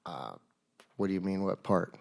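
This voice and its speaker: A man's voice: low voice, expressive, moderate pace, creaky, darkish tone. A man testifying as a witness in a courtroom, giving brief, plain answers in a hesitant way. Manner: hesitant, terse, plain-spoken.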